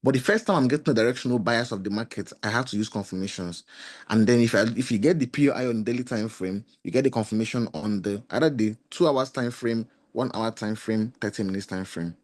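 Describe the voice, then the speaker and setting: Hoarse-voiced man teaching trading. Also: on the low side, fast, darkish tone. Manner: explanatory, repetitive, asks rhetorical questions. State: slightly hoarse. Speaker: trading mentor. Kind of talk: screen-share trading lesson.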